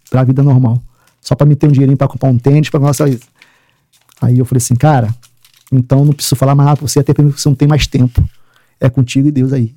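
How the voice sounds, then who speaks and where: A man, a police sergeant telling a personal faith story in an interview, acting out dialogue and sinking very low at emotional points. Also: mellow. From Rio de Janeiro, Brazil. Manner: emphatic storyteller who acts out dialogue and drops very low in emotional moments.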